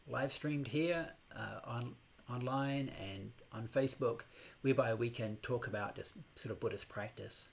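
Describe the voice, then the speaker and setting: Middle-aged New man, gravelly voice, meditation teacher opening a live-streamed class, unhurried and hesitant. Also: medium pitch. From New Zealand. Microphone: new microphone on a laptop setup.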